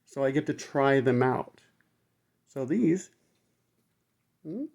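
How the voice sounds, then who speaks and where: A man's voice: mid-range voice, animated, slow pace, vocal fry, darkish tone. Blunt, rambling man with numb-mouthed speech. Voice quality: numb-mouthed speech from temporary teeth after surgery. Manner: rambling, blunt, swears freely. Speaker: vlogger recounting his dental surgery. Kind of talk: casual talk to camera.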